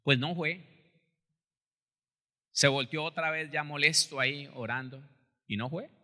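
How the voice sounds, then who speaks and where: Man, pastor, storytelling sermon, animated, forceful tense voice, echoey church hall. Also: a little high, unhurried. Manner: animated, acts out quotes, addresses listeners as brother.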